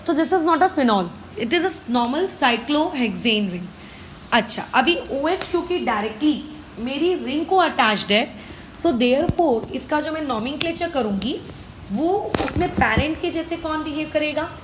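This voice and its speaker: A woman's voice: sits high, expressive, takes it slowly, slight background noise. An Indian woman teaching chemistry, mixing Hindi and English, spelling out names letter by letter and answering her own questions. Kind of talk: online lesson, working problems aloud.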